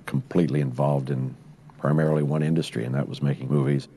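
A man's voice: extremely low pitch, level tone, fast, mellow. A man speaking thoughtfully and wistfully in a documentary interview.

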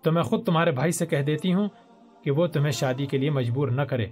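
A mischievous, teasing young woman, as a male narrator puts her on, speaks in a lifted, lilting voice. The storybook reading keeps a playful, warm edge throughout. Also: a little high, soft background music, natural voice. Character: teasing older sister-figure, playful and mischievous.

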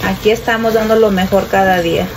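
This mom vlogger in her thirties, who stays at home, speaks fairly quickly in a steady, medium-pitched voice. She chats to her phone camera at arm's length in her kitchen and bedroom, calling her audience "girls," and the audio is rough.

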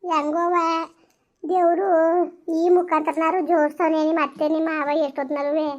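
A woman acting a kind, motherly village woman in a family drama, hushing and comforting others. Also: high-pitched, flat delivery, moderate pace, highs cut off, close to an everyday voice. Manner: soothing, hushing, motherly advice.

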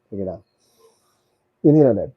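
A man working as a bone setter, calmly coaching a client to relax, breathe in and breathe out. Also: lowish voice, normal speed, slightly rough, narrow, tinny audio. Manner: coaxing, repeats calm instructions. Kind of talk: guiding a client through a massage.

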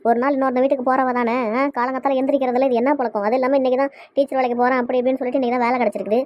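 A woman voicing a bossy, quick-tempered mother in a cartoon, scolding nonstop, with a Kanyakumari Tamil accent. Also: sits high, little pitch movement, dull audio, a little hiss or hum, natural voice. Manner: scolding, rapid-fire.

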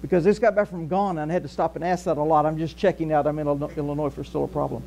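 Speaking rapid-fire in a creaky, somewhat high voice, this older pastor with a Southern US accent preaches conversationally in a small church hall. He walks the stage with animated gestures while a faint mains hum runs underneath.

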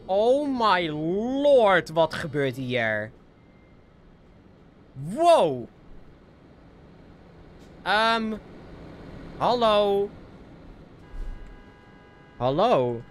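An excitable streamer, giving live gameplay commentary, laughing often and dropping English slang. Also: mid-range voice, extremely slow, pauses often, a little hiss or hum.

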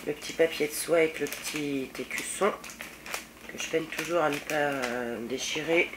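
With a low voice made nasal and a bit husky by a head cold, a woman in her thirties vlogs about beauty, unboxing products at a normal pace. She rambles chattily, full of fillers and jokes at her own expense, in a home room lined with nail polish shelves; her fixed desk camera catches a noisy background.

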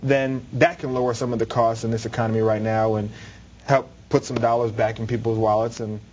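A man's voice: mid-range voice, little pitch movement, fairly quick, a little mellow, dull audio, a little hiss or hum. A young man answering as an interview guest in a TV studio, articulate and explanatory. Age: young adult. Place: TV studio with red curtains. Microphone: lapel mic.

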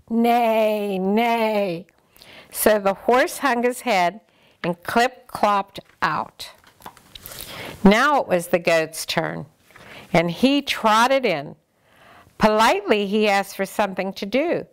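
Slow, smooth older woman reading aloud. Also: mid-range voice. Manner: gentle, expressive read-aloud. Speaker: storyteller. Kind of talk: reading a picture book aloud to children.

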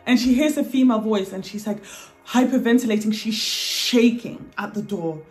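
A woman telling her own story in a lively, dramatic way, acting out what people said. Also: fairly high pitch, normal speed. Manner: animated, dramatic retelling with acted quotes. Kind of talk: personal storytelling to camera.

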